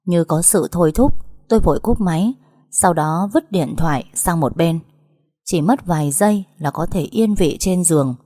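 A woman narrating a first-person story in a soft, earnest way. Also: lowish voice, moderate pace.

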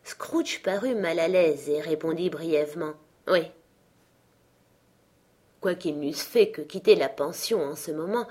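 Husky woman reading a classic tale. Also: fairly low pitch. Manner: steady, expressive storytelling. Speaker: narrator.

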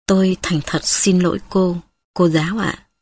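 A woman reading an audiobook, voicing a quiet, sorrowful blind middle-aged husband who speaks low and slowly. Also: fairly even intonation, husky, dry recording. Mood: subdued. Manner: low, slow and subdued.

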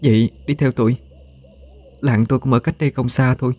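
A man voicing a young female ghost who pleads for help in a soft, plaintive falsetto. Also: steady tone, a little fast, a little hiss or hum, lightly acted. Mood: pleading.

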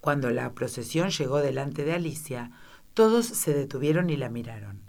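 A woman narrating a children's classic as an audiobook, with expressive storytelling. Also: rumbling low, moderate pace, vocal fry. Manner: expressive storytelling, shifting into character voices. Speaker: audiobook reader.

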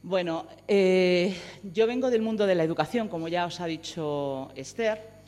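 A woman's voice: lowish voice, dark tone. Earnest woman in an echoing hall. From Madrid, Spain. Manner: earnest, measured, mixing academic and personal tone. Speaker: psychology lecturer speaking at a round table. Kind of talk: personal testimony talk. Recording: long reverb of a hall.

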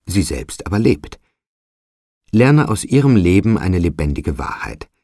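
A man's voice: sits low, big pitch swings, measured pace, mellow, dry recording, studio quality, exaggerated voice. A man voicing a stern spirit of a bell in an audiobook, speaking in a solemn, admonishing way. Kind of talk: audiobook character voice.

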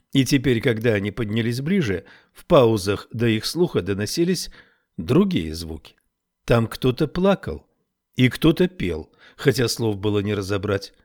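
A man narrating an audiobook in a measured, even reading voice. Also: medium pitch. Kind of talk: scripted narration.

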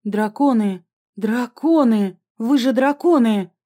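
A woman voicing a panicking village father who shouts and pleads loudly in an audiobook. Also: a little high, takes it slowly. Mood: frantic. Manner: loud, pleading, breathless shouting.

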